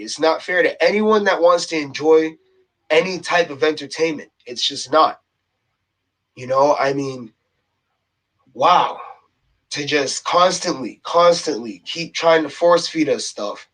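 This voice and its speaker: The recording is rough, and the man's voice is a little high with a fairly bright tone. He's a vlogger ranting on his own to the camera, exasperated and heated, a touch out of breath, saying things over and over and adding "okay?" after his points.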